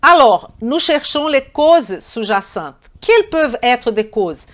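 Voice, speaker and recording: A woman's voice: fairly high pitch, very animated, takes it slowly. A woman with a foreign accent teaching a live online nutrition class. She talks emphatically, repeats words and corrects herself, and answers chat questions directly. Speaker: nutrition trainer.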